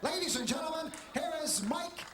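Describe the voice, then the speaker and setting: High-pitched male boxing ring announcer, big delivery. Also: animated. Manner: drawn-out, emphatic delivery of names. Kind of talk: boxing ring announcer introductions, formal and projected. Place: boxing arena, over the PA. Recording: echoey arena, clear crowd noise.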